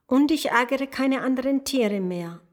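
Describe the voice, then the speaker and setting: A woman voicing a little boy dragon in a storybook, with a high, earnest childlike voice. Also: expressive, measured pace. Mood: sad wishing. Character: little boy dragon, sad then eager.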